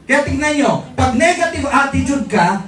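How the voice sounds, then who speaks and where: A man's voice: extremely high pitch, animated, moderate pace, fairly bright tone, soft background music. A middle-aged man, giving a live motivational seminar talk to distributors, teasing the audience and asking rhetorical questions. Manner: teasing, jokes with the crowd, asks rhetorical questions. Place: large indoor event hall. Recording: echoey hall from far off, faint crowd. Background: faint audience noise.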